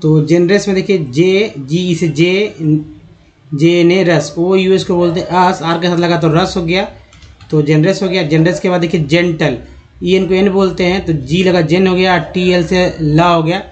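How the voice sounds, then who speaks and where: Man sounding out English words slowly. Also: sits high, fairly even intonation, a little mellow, highs cut off. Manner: slow, syllable-by-syllable sounding out of words. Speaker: English teacher. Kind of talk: spelling and pronunciation lesson.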